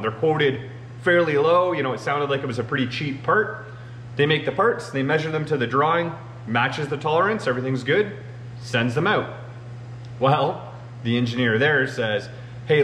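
His voice a little high and fairly bright, a man in his thirties hosts a machinist show, chatting to camera about the shop in a loose way full of "you know" fillers. The large machine shop gives the audio a roomy feel over a faint hum.

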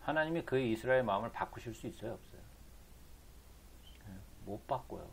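A man's voice: medium pitch, expressive, fairly quick, gravelly, a little hiss or hum. A man teaching the Bible, reading scripture aloud and then asking rhetorical questions that he answers himself. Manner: reads scripture aloud between explanations.

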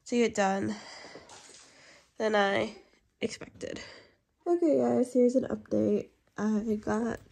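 A young woman family vlogger films herself at home in the living room, holding her phone at arm's length and chatting to the camera. Getting over a cold, she gives chatty, upbeat morning updates in a warm, high-leaning voice with vocal fry and a slightly rough quality.

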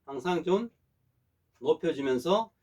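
A middle-aged man teaching a language class, explaining polite phrases, checking often that students follow and saying example sentences slowly for them to repeat. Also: a little high, expressive, darkish tone, dull audio. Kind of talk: classroom lesson.

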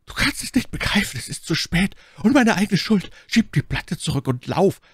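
A man's voice: sits high, very animated, normal speed, slightly rough, dry recording, studio quality, pitched above the performer's own voice, full character voice. A man voicing a terrified, trapped man who pleads in a desperate, half-whispered voice.

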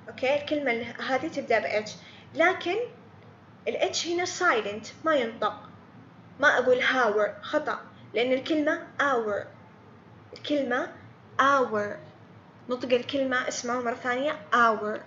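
High-voiced woman teaching English. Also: fairly bright tone, echoey room, highs cut off, slight background noise. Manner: patient, repeats words slowly, quizzes students by name. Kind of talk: online lesson explaining grammar.

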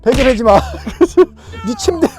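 A VR game YouTuber giving excited gameplay commentary, loud and playful, yelling at the characters in the game. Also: sits high, normal speed, faint music behind.

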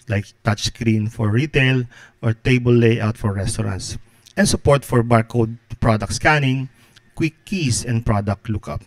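A man in his thirties talks through a prepared tutorial in a measured, explanatory voice. He sits close to a podcast microphone in a small home studio. The sound is dry, with almost no room echo. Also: medium pitch. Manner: steady explanatory delivery, occasional filler. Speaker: host, business consultant. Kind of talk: scripted tutorial narration. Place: home studio with guitars on the wall. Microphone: close podcast mic in frame.

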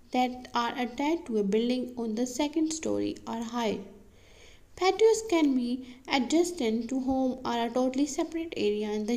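Woman narrator, slightly high voice, plain read-aloud explainer delivery, occasional slips. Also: a little mellow, low-quality recording. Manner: reads questions and answers like a list, with some slips and restarts.

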